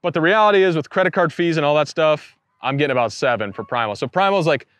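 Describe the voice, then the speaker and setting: A man in his thirties, a poultry farmer, explaining his operation in a relaxed, matter-of-fact way during an outdoor farm tour. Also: on the high side, fast talker, dry recording. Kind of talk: casual farm tour talk. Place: outdoors on a farm pasture beside a coop.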